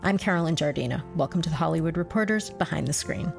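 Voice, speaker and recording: Low, creaky-voiced woman hosting a podcast. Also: animated, fast talker, faint music behind. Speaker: podcast host and interviewer. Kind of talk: scripted podcast narration and interviewing.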